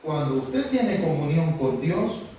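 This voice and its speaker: A man's voice: on the high side, sing-song, takes it slowly, dark tone. A man preaching a sermon, fervently calling out to the congregation with questions. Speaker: pastor. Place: church hall. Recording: echoey church hall, distant mic, faint hiss.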